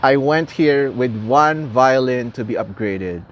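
A young native Tagalog speaker livestreams from a gas station at night, chatting casually with viewers through a phone camera held at arm's length. His mid-range voice is unhurried with lively intonation, and he laughs often and repeats words. The lo-fi sound carries faint outdoor noise, traffic and city ambience.

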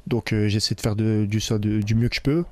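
A young man from France, a football player, answering post-match questions in a locker room, relaxed with many fillers, into a handheld mic. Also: on the low side, fairly quick, no room sound. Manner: relaxed, many filler sounds, loose phrasing. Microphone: interviewer's handheld mic.

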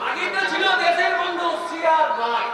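A man's voice: very high-pitched, normal speed. Grumbling stage cop, male actor, hammy folk-theatre projection, distant and heavily echoed. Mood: bantering. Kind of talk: Bengali folk theatre (jatra) stage acting. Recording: echoey hall from far off, music, crowd.

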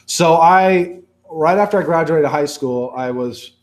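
Slightly high-voiced and a little slow, a forties-aged man who researches sea turtles in Baja California, Mexico chats casually in a talk-and-Q&A setting. He is rambling and conversational, restarting and correcting himself often.

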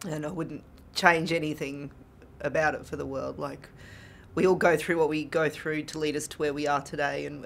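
A woman with an Australian accent, a single mum telling her story in an interview, reflective and quietly candid. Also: sits low, gravelly, slight background noise. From Queensland, Australia. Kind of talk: interview testimony. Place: studio backdrop.

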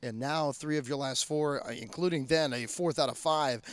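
A man's voice: a little high, normal speed, clean tone, no echo. A man in his thirties, a sports interviewer, asking long, detailed postgame questions on a floodlit field at night, with frequent "uh" fillers. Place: outdoor soccer field at night under floodlights. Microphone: handheld mic.

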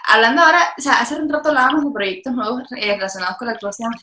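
A woman hosting a casual interview, moving briskly to her next question. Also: a little high, lively intonation, bright, forceful tone. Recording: roomy, echoey sound.

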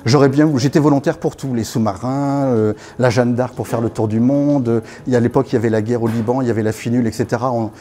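In a small meeting room, picked up by a far-off camera, a man in his fifties shares personal stories as a networking-evening guest speaker. His mid-range voice is steady and mellow, and he talks fast with hardly any pauses, casually and anecdotally, with frequent fillers and restarts. He was born in Congo to French parents and grew up in Africa.

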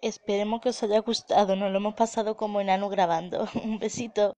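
A woman's voice: medium pitch, fairly even intonation, a little fast, noisy background. A woman, a vlogger, giving a chatty, cheerful sign-off to her viewers. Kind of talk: casual outro to viewers.

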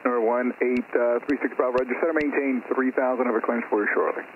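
Brisk male controller over the radio, quick clipped calls, thin radio sound with faint hiss. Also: medium pitch, steady tone. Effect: heard over an aviation radio. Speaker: air traffic controller. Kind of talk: radio call to pilots. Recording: tinny radio band with faint noise.

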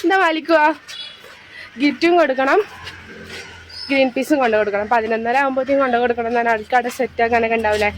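Young woman, high voice, chatty homely vlogger talking to camera, light background hum. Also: quick pace, long pauses. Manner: chatty, homely, talks straight to viewers. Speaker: family vlogger and mother. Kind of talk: casual family vlog narration.

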